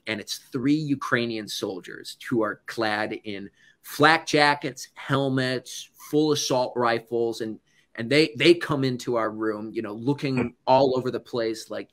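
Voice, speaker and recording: A man's voice: mid-range voice, a bit bright. A man from the United States who works as a news correspondent, telling stories to an audience in a loose, conversational way full of "like" and "you know.". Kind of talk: casual storytelling talk to an audience.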